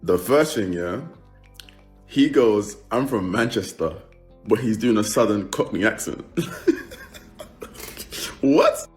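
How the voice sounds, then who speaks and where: A young man talks casually in a low voice, amused and chatty as he reacts. Faint music sits underneath. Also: expressive, slow, pauses often, a little mellow. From Britain.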